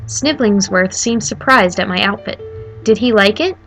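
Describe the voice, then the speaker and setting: A woman streamer reading a story game aloud as the heroine, breaking off for animated, sarcastic commentary. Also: medium pitch, moderate pace, soft background music.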